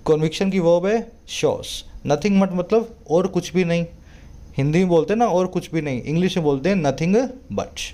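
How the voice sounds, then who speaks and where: Man, English tutor, mellow voice, a bit high-pitched, slow careful reading, rhetorical questions to the viewer. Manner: explains word by word, slows sharply to read English passages. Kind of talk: Hindi-language English lesson reading a newspaper editorial.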